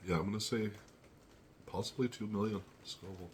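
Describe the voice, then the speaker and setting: A man with a low, deep voice talks his way through a chili tasting in a slow, measured ramble, pausing often as he weighs the burn. He sounds teary and sniffly from the heat, with a faint hiss of noise behind him. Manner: slow, measured, thinking aloud between pauses. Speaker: chili pepper reviewer. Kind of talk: casual solo tasting review.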